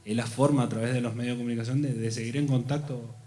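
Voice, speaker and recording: A man's voice: mid-range voice, steady tone, fast, dark tone. Man explaining plainly, guitar behind. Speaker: rural teacher. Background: guitar music.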